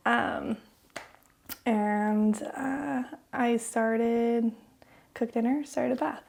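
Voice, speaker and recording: A young woman co-hosting a podcast, telling a personal story haltingly with many fillers, sometimes dropping to a whisper. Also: on the high side, fairly even intonation, vocal fry, a little mellow. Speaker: podcast co-host.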